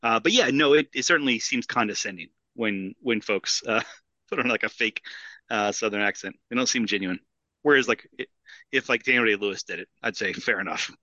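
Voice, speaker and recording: A man's voice: fairly low pitch, brisk, bright, forceful tone, no echo, lo-fi sound. A man from the American South chatting on a podcast in an easygoing, hesitant way. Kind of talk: casual podcast chat.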